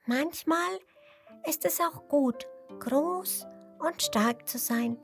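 A woman voicing a small, cheerful young crocodile in a children's storybook, with a high, bright, giggly way of talking. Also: very slow, creaky, soft background music, heavily acted. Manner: giggly, gentle.

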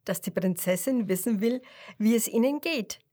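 A woman's voice: fairly high pitch, normal speed, warm tone. A woman narrating a children's story and speaking directly to the child listening.

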